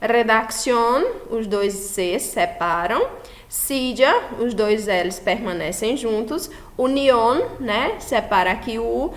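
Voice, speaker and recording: A Brazilian woman teacher giving a recorded class, explaining slowly and patiently and often checking that students follow. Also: medium pitch, expressive. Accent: Brazilian Portuguese. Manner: slow, patient explaining with frequent checks for understanding. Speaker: school teacher.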